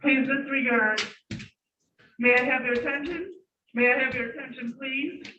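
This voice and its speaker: A woman making a formal, repeated security announcement over a public-address loudspeaker. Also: high-pitched. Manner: formal, measured, repetitive. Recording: distant echoey loudspeaker, dull, noisy.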